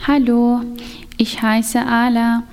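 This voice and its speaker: A woman from Syria, a German learner, reading a short story aloud with hesitant pauses and restarts. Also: a little high, level tone, a little mellow, clear, resonant tone, in a large hall. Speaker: language course participant.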